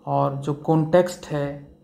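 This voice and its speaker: A fairly high-pitched man with a warm tone and some vocal fry lectures on law at a measured pace, his intonation fairly even. He goes step by step, uses English legal terms and fillers, and directs rhetorical questions at the class.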